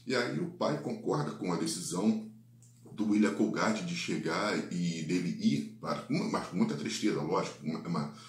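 A man with a Brazilian Portuguese accent retells a faith-based life story, halting often on repeated words and tagging lines with "né?". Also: low-pitched. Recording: echoey room.

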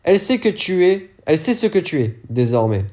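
A man's voice: high voice, very animated, a little fast, darkish tone, pitched above the performer's own voice. A man voicing a bruised, bitter young woman who is curt and weary but caring.

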